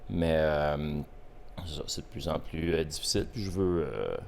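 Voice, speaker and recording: A Québécois man in his forties talks as a guest on a casual podcast. His voice sits very low, and he pauses often and searches for words. Faint noise runs underneath. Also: creaky. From Quebec. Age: 40s. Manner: hesitant, halting with frequent fillers. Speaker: podcast guest, host's father. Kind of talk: casual interview.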